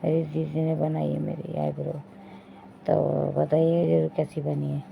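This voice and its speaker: In dull, lo-fi phone audio with faint noise, a young vlogger chats to her viewers from home, pointing things out and repeating "dekhiye" as she addresses them directly. She speaks a little slowly in a low, completely flat voice with vocal fry.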